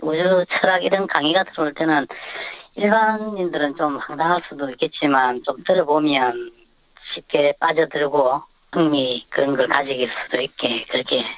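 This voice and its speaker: An anonymous radio interview guest whose voice is disguised with a voice changer, giving halting, measured, careful answers. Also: medium pitch, no room sound. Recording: dull lo-fi disguised line.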